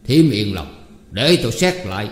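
A man's voice: lowish voice, sing-song, normal speed. A man playing a stern, commanding older male landlord in a storybook reading, recorded in an echoey room. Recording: echoey room, long reverb.

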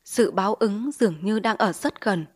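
A woman narrating a literary story in a measured, sorrowful way. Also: medium pitch.

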